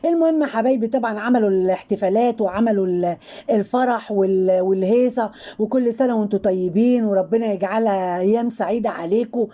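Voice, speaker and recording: A woman's voice: mid-range voice, fast, warm tone. A woman with an Egyptian accent hosting her channel, giving chatty, mocking gossip commentary and leaning on the same filler words again and again. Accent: Egyptian Arabic. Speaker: channel host commenting on online personalities.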